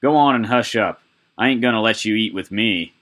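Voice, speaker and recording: A man's voice: on the low side, fairly quick, a bit bright, natural voice. A man voicing a rude, greedy young girl who talks back impatiently.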